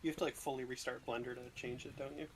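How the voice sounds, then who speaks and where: A man's voice: mid-range voice, flat delivery, fast, vocal fry, a little hiss or hum, poor audio. Casual, offhand young man. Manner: loose, offhand and a bit sarcastic. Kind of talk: casual chat among people sculpting in Blender.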